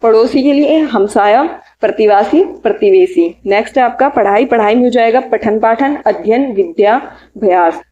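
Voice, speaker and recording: A woman teaching exam vocabulary, listing synonyms in short bursts and adding quick study tips. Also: a little high, mellow, dull audio. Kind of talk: reading out synonym lists for an exam lecture.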